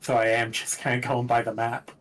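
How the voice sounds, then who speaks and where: A man playing along in a game stream, making relaxed, dry remarks. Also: mid-range voice, a little fast. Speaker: co-player. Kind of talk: casual game-stream chat.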